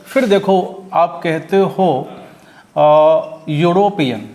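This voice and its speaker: High-voiced Hindi-speaking English teacher. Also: male voice, measured pace. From India. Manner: repetitive, checks in often with rhetorical questions. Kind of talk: classroom grammar lesson.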